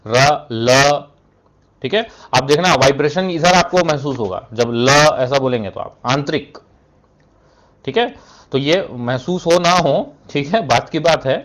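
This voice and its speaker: A male Hindi teacher explaining step by step in a classroom lesson, asking questions and answering them himself, with frequent "thik hai" fillers. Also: a little high. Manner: keeps adding "thik hai" between phrases; clears his throat now and then.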